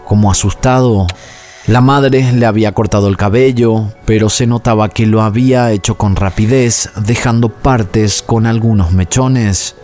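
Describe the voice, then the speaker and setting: A man reading a scripted documentary narration in a measured, even storytelling manner. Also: lowish voice. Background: faint background music.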